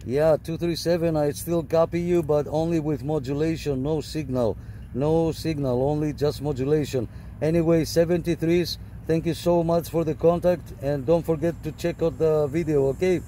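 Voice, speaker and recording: This CB radio operator and vlogger has a fairly high, mellow voice with fairly even intonation and a moderate pace, plus a little hiss or hum in the audio. He talks on CB from a parked car and later outside, full of radio slang, repetition, and fillers, while running his radio channel.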